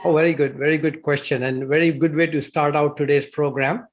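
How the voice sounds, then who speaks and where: A man's voice: fairly high pitch, fairly even intonation, fairly quick. A man in his sixties with an Indian accent, a guest telling his life story in an interview, chuckling now and then between thoughtful, filler-laden phrases. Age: 60s.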